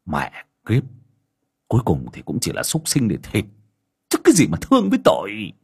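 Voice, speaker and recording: A harsh young husband snaps at his wife, scolding and cursing with open scorn, as a narrator puts him on. His voice swings between low mutters and sharp raised jabs. The tone is husky. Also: huge pitch swings, moderate pace, exaggerated voice. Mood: scornful. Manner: scolding, contemptuous.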